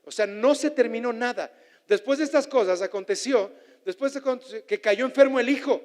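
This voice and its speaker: A male pastor preaching a fervent sermon, leading the congregation in repeated declarations and shouting at the climaxes. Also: very high-pitched, moderate pace. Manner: shouts and stretches words at climaxes. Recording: long hall reverb with faint crowd.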